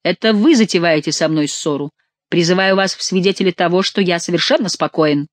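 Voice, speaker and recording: A woman's voice: fairly low pitch, fairly quick, dry recording, close to an everyday voice. A woman voicing a mocking, ironic young male nobleman in an audiobook, with a teasing, mock-polite manner.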